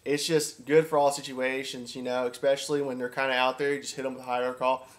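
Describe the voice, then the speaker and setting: Talking fast in a level, medium-pitched voice, this man teaches duck calling. His how-to delivery is casual, informal, and repetitive, full of enthusiasm for the topic.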